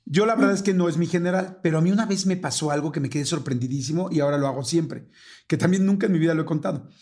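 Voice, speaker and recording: A man in his forties with a Mexican accent, hosting a casual podcast and telling a personal story with animated, acted-out dialogue. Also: fairly high pitch, very fast. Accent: Mexican Spanish. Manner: animated, acts out dialogue in quoted voices. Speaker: podcast host.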